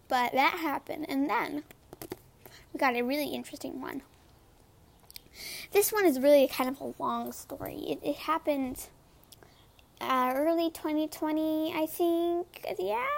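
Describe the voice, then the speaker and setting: A young woman with a high girlish voice, chatting casually about gaming, rambling with many fillers and repeated words. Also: vocal fry. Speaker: gamer vlogger. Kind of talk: casual chat to camera.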